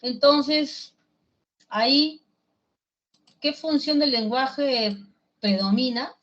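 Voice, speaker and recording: Slow-talking Peruvian woman teacher. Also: sits high, a bit bright, lo-fi sound. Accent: Peruvian Spanish. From Peru. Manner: slow, explains step by step with questions to the class. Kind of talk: language class lecture. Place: classroom.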